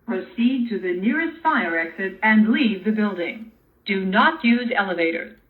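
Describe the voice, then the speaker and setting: A woman's recorded emergency announcement played over a fire alarm loudspeaker, giving measured, formal instructions. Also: medium pitch, animated, recorded from a distance. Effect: played through a fire alarm loudspeaker. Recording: tinny alarm speaker heard from across a room, faint hiss.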